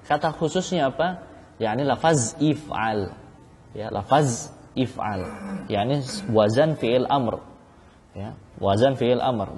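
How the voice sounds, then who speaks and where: Male ustadz lecturing, mellow voice, keeps repeating himself and asking the room questions, lots of hall echo. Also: mid-range voice. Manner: explains by repeating key phrases, asks the class questions. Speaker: Islamic studies teacher. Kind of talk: classroom lecture on legal theory.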